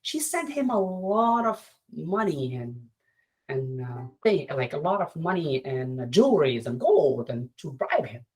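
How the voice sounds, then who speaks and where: Husky-voiced man telling a story haltingly. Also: a little high, big pitch swings, poor audio. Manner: halting storyteller with many restarts. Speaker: lodge presenter. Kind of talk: informal lecture over video call.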